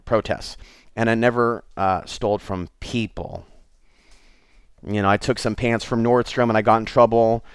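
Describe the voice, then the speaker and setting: Here the same kind of show host, a middle-aged American man, speaks in a lowish, clear, resonant voice recorded at studio quality without echo. Unscripted and rambling, he confides candidly in his viewers while his thoughts wander.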